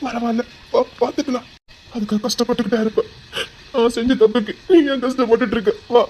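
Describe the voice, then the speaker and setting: Playing a guilt-stricken young husband in a melodramatic web series, an actor with a Tirunelveli Tamil accent coaxes urgently, voice choked with remorse and anguish. His voice is very high yet dark in tone, level and brisk, with a little hiss or hum in the recording.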